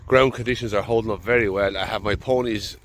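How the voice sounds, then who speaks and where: Out in a field with slight background noise, an Irish farmer speaks fast in a lowish, steady, fairly bright voice for his casual vlog. He's fending off a head cold and rambles along easily, musing out loud.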